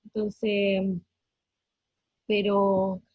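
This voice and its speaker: A Chilean woman in her thirties recounts her family's ordeal in a husky, slightly breathy voice, repeating words and hesitating often. The sound is dry and close, with a dull, muffled top end. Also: medium pitch, monotone, no echo. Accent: Chilean Spanish. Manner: halting, many fillers and repetitions, voice breaking with distress. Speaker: parent giving a family testimony. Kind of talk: emotional personal testimony.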